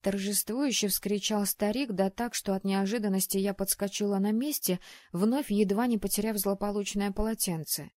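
A woman reading a first-person audiobook in a lively, expressive way. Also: mid-range voice, normal speed, no room sound. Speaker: audiobook narrator.

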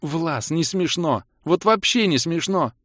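A man's voice: on the high side, lively intonation, measured pace, fairly bright tone, no echo, clean studio sound, pitched above the performer's own voice. A man reading an audiobook, voicing an indignant young woman who protests shrilly.

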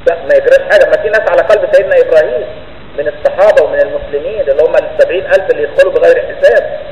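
A man's voice: on the high side, rapid-fire, a little mellow, reverberant, big-room sound, slight background noise, rough recording. A man with an Egyptian Arabic accent giving a colloquial religious lesson. He keeps asking his listeners whether they understood. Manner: conversational, keeps checking understanding. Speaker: religious teacher.

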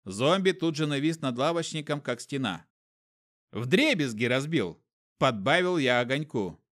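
A man narrating a fantasy novel as an audiobook reader, lively and expressive. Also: a little high, moderate pace.

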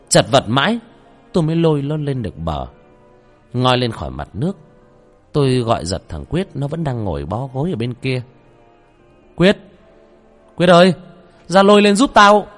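A man's voice: medium pitch, big pitch swings, moderate pace, long pauses. Man telling a horror story over music. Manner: shouts out names during tense scenes. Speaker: storyteller and host. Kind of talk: dramatic horror story narration. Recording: soft music behind the voice.

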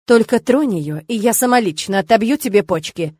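A woman's voice: a little high, expressive, quick pace, a little mellow, dry recording. A woman reading an audiobook, voicing a defiant young woman who answers in a sarcastic, snappy way.

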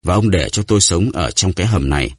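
A man voicing a terrified, starving greedy prisoner who pleads and stammers, in a husky voice. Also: sits low, animated, fast talker, no room sound, studio quality. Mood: pleading.

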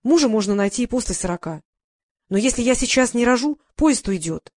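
A woman's voice: on the high side, lively intonation, a little fast, a little mellow, no room sound, clean studio sound. A woman voicing a tired, secretive mother in her forties who explains herself to her daughter in an audiobook. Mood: confessing. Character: weary secretive 45-year-old mother.

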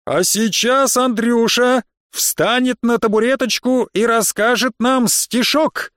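A man's voice: very high voice, fairly bright tone, dry recording, clean studio sound, voice pushed up, heavily acted. Taunting circus announcer, grandiose, male reader putting it on. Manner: pompous, drawn-out.

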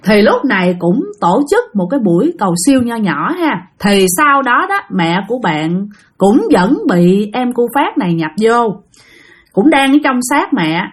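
High, lively woman storyteller. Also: unhurried. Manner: chatty, addresses listeners directly. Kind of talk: casual spoken ghost storytelling.

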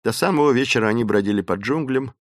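A man reads an adventure story aloud in a mid-pitched voice, steady and expressive. The recording is dry and close, with no room echo around him. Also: fast talker. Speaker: audiobook narrator. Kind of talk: dramatic storybook narration.

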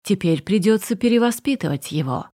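Stern, commanding young emperor, reproachful and exasperated, read by a woman in her own mellow, husky voice. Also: medium pitch, animated, a little fast, lightly acted. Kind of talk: audiobook character reading.

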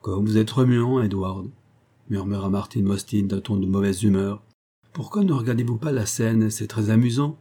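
A man voicing a disdainful, jaded young gentleman who speaks with mocking indifference. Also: fairly low pitch, moderate pace, slightly rough. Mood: sneering. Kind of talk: audiobook character voice.

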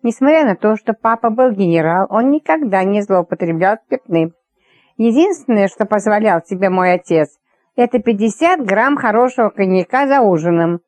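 A woman narrating an audiobook in the first person with wry, brisk storytelling. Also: medium pitch, expressive, darkish tone, dry recording.

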